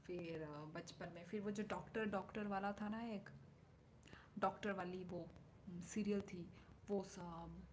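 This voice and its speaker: A woman hosting a casual livestream and answering viewers' comments as they come. She talks at an unhurried pace into her phone's mic, musing aloud and now and then sinking into a soft whisper. A faint hiss sits under her voice. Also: mid-range voice, fairly even intonation. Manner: chatty, thinks aloud, drops into soft whispered asides. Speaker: live streamer. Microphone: phone microphone.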